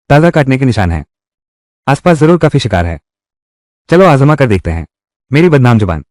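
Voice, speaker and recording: A man's voice: medium pitch, darkish tone, dry recording, studio quality. A man dubbing a family drama, voicing every role himself in a dramatic manner. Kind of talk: Hindi-dubbed drama, one voice for all roles.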